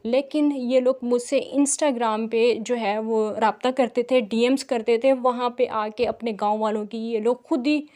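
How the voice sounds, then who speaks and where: Hoarse woman vlogger speaking slowly. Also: a little high, steady tone, darkish tone. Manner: deliberately slow, careful speech with frequent fillers. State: sore, scratchy throat. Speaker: reaction channel vlogger. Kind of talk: casual direct-to-camera commentary.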